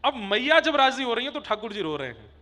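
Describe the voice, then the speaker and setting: A man's voice: extremely high pitch, sing-song, brisk, bright, forceful tone. A male preacher telling a devotional story in an emotional, dramatic way. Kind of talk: devotional katha storytelling sermon. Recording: long hall reverb with faint music.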